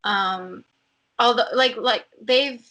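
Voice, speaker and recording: With a sharp tone and fairly high pitch, a young woman from the US speaks slowly while chatting casually as a podcast guest. She rambles, her talk peppered with likes, ums and other fillers.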